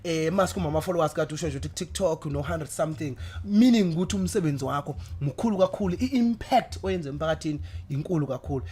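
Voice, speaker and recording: A man's voice: a little high, quick pace, hardly any pauses, a little mellow, breathy edge. A man with a Zulu accent hosting a casual interview, repeating phrases for emphasis. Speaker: interviewer, host. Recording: faint background noise.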